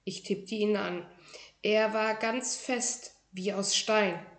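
Woman slowly reading a children's book aloud. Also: mid-range voice, reverberant. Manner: calm, unhurried storytelling. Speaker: reader presenting library books.

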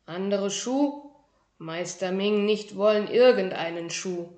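A woman's voice: medium pitch, darkish tone, echoey room, lightly acted. Woman putting on Meister Ming, a boastful tiny kung fu master. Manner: broken German, slow and emphatic.

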